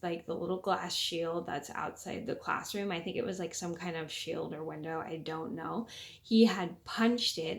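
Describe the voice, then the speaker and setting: A young woman telling a casual story to viewers, keeping her voice quiet as if late at night with others asleep, in a halting way that circles back to rephrase. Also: lowish voice, vocal fry. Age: young adult. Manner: talking quietly so as not to wake sleeping people at night. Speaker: vlogger.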